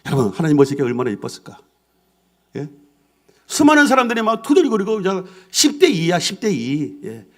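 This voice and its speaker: A male pastor delivers a Sunday sermon with lively swings of pitch, slipping into the voices of the characters he retells. His voice sits a little high for a man. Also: brisk. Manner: animated, acts out quoted voices.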